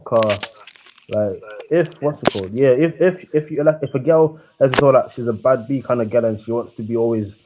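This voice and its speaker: A man's voice: mid-range voice, moderate pace, noisy background. A young man with a London roadman accent chatting casually in street slang, often tagging his sentences with innit. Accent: London, urban roadman slang. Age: young adult. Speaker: panellist on a live discussion show. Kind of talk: casual chat.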